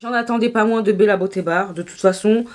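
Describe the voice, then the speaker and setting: A woman with a French accent, chatting casually through a makeup review, animated and quick to laugh. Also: medium pitch. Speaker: beauty vlogger.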